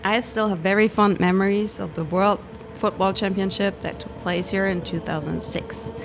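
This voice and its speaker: A woman's voice: medium pitch, steady tone, normal speed, background noise. A woman hosting a podcast, delivering scripted conversational narration in English. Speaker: podcast host.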